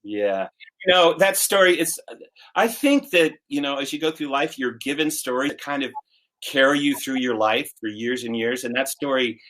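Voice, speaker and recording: A man in his sixties, an animated storyteller who acts out characters with shifting voices, over a video call. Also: medium pitch, normal speed. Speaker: storyteller and musician. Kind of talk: oral folk-tale storytelling.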